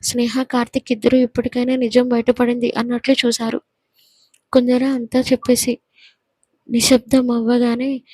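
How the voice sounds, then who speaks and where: A woman narrates a scripted story in an even, steady reading. Her voice is fairly high and husky, with a flat pitch, and the recording is dry and close. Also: no room sound.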